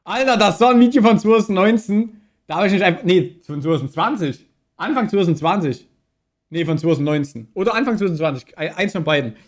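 A young man with a high voice rambles through reaction commentary in loose slang. He talks into a boom mic in a small streaming room, headphones on. The talk is casual and drifts from point to point. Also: lively intonation, fast talker, soft background music. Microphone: boom mic on arm, wearing headphones.

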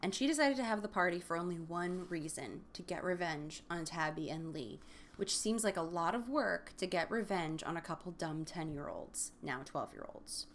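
A woman hosting a comedy show, reading a children's book aloud and recapping it with exasperated, deadpan jokes. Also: lowish voice, normal speed, a little hiss or hum. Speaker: comedy podcast host. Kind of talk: sarcastic recap and read-aloud of a kids' book.

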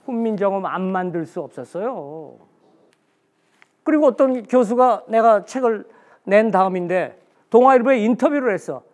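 Animated man lecturing with rhetorical questions. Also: sits high, moderate pace. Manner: poses rhetorical questions and answers them himself; blunt, colloquial lecturing. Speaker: history lecturer. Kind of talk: special lecture.

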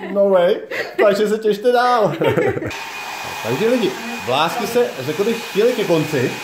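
A playful man in his thirties talks into a phone held at arm's length. His voice sits a little high, and the small salon around him sounds echoey. His phrasing is jokey and drawn out. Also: very animated, background noise. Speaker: vlog host. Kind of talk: casual handheld vlog presenting. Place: small hair salon, indoors. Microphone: phone camera at arm's length.

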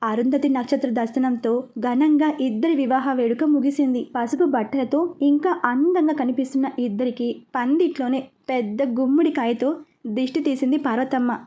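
A woman narrating a serialized romance story with a steady, expressive reading. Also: sits high, normal speed.

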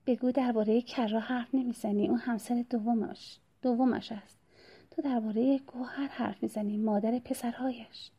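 A woman voicing the gentle ghost of a young woman in a whispered role-play, coaxing softly. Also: on the high side, breathy edge. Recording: dull lo-fi recording.

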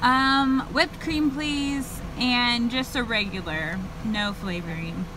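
Chatting informally to the camera from her car, a woman vlogger speaks slowly in a slightly high voice. The recording carries faint car and ambient noise.

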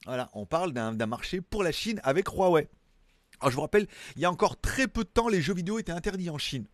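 A man's voice: on the high side, lively intonation, fast, no room sound, clean studio sound. A man hosting a casual tech news show, chatting in a rambling, jokey way with frequent asides. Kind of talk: casual chat.

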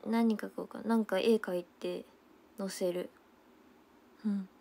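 A woman's voice: mid-range voice, fairly even intonation, measured pace, creaky, warm tone. Giggly woman chatting on a livestream. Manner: chatty, giggly, reads out viewer comments. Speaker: idol livestreamer. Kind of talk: casual livestream chat.

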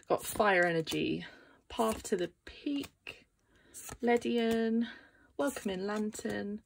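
A woman vlogger chats her way through trading card packs, easily excited and often gasping. She talks at an unhurried, drawn-out pace. A faint hiss and the crinkle of wrappers sit under her voice. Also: mid-range voice, gravelly. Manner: excitable, gasping and exclaiming over pulls. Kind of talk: casual unboxing chat.

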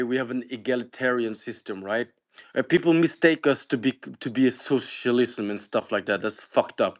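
A man from the Philippines calling into a live online talk room, speaking bluntly and swearing freely as he gives his opinions. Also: mid-range voice. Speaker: caller. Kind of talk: casual call-in talk.

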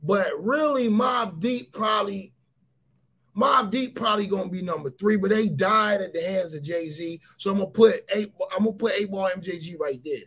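A man runs a casual livestream in a fairly high, husky voice. He talks straight to his viewers in an animated way. He drives each point home by repeating it and often raises his voice to a shout. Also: moderate pace. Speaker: livestream host.

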